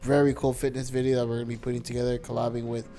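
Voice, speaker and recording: A man's voice: mid-range voice, level tone, rapid-fire, warm tone, faint music behind. A young man hosting a casual podcast, joking and teasing his co-host as he talks. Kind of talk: casual chat.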